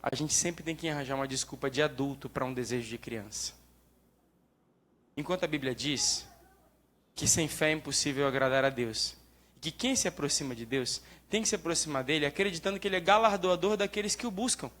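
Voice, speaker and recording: A young man with a Brazilian Portuguese accent giving a lively, joking sermon talk at church. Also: a little high, a little fast. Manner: lively, jokes and acts out quoted prayers. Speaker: church speaker.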